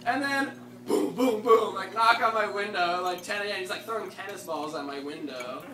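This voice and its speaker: Best man, twenties, slightly high voice, rambling storyteller; far off in an echoey hall with a crowd. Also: moderate pace, bright, forceful tone. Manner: rambling, storytelling with frequent "like" fillers. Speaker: best man giving a toast. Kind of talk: wedding toast speech. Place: large hall at a wedding reception.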